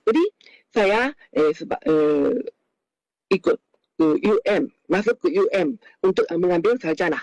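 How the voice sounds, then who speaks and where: A man with a high voice and a Japanese accent speaks Indonesian as a foreigner. He lectures off the cuff with personal anecdotes, pausing often on hesitation sounds. The sound is close and dry, with little room echo. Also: animated, gravelly, a little mellow, highs cut off. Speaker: professor giving a talk.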